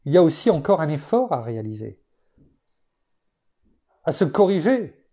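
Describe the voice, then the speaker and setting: A man from France preaching a sermon, teaching reflectively with personal anecdotes and rising emphatically in pitch to stress his points. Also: big pitch swings, moderate pace, warm tone.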